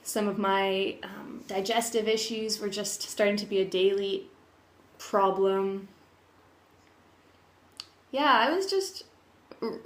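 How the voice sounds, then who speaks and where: A woman speaks pensively in a mid-pitched voice, as if thinking aloud in a personal vlog. The delivery is earnest and open, with thoughts that trail off and get picked up again. The room adds a clear echo around the words. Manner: candid, earnest, emotionally open. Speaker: personal development vlogger sharing their own journey. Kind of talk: reflective personal vlog monologue. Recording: echoey room.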